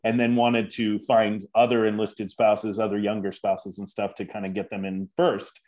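A man hosting a podcast, talking in a relaxed, chatty way with fillers. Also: on the low side, normal speed, low-quality recording. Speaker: podcast host. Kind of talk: casual podcast chat.

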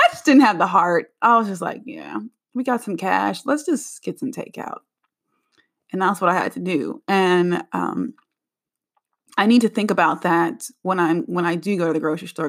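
A young adult woman hosting her own show in casual solo chat, talking in a chatty, animated way with laughing asides. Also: on the low side. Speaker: podcast host.

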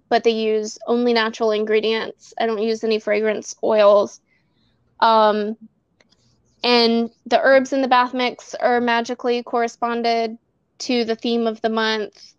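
A woman with a smooth, resonant voice that sits a little high, chatting casually as an interview guest. She rambles as she explains, leaning on fillers, and sounds close and dry. The recording is dull and lo-fi. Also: level tone, a little slow, no echo. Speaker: guest, bath box maker.

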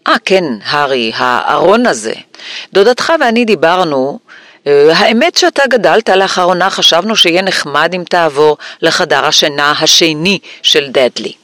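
A man's voice: a little high, big pitch swings, dry recording, studio quality, exaggerated voice. A man doing a blustering, bullying uncle. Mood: forced, stern. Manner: shouting, blustering, sneering. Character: blustering angry middle-aged uncle, bullying.

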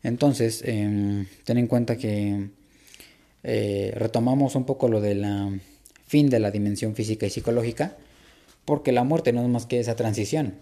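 Mellow-voiced man, reflective lecture. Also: on the low side, fairly even intonation. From Latin America. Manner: reflective, unhurried, frequent "este" fillers and restarts. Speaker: speaker giving a talk on psychology. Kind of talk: informal spoken lecture addressed to the listener.

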